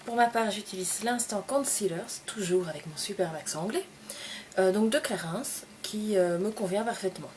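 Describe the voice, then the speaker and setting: A young woman calmly explaining makeup steps in a tutorial, in short, gentle phrases. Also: medium pitch, moderate pace, slight background noise. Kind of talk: casual step-by-step makeup tutorial.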